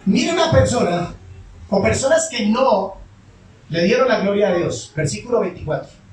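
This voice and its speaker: A man's voice: high-pitched, expressive, normal speed, darkish tone, a little hiss or hum. A male pastor preaching a call-and-response sermon, asking the congregation questions and answering them himself. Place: church sanctuary. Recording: echoey church hall from far off.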